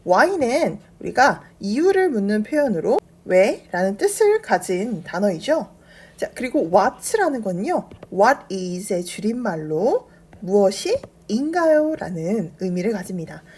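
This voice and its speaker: A woman teaching a beginner English lesson, explaining grammar step by step and repeating English phrases slowly and carefully. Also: medium pitch, very animated, darkish tone, slightly rough.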